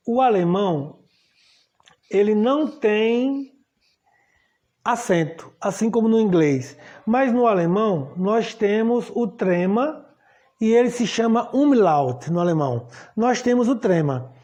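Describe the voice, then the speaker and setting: A woman's voice: mid-range voice, lively intonation, takes it slowly, mellow. A woman with a Brazilian Portuguese accent teaches a language lesson patiently, spelling out letters and checking that students follow. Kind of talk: explaining a language lesson at a board.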